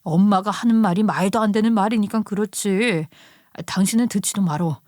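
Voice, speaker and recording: A woman's voice: mid-range voice, a little fast, a little mellow, no echo, studio quality, lightly acted. A woman voicing a flustered husband who sounds exasperated and pleading. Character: flustered husband caught between wife and mother.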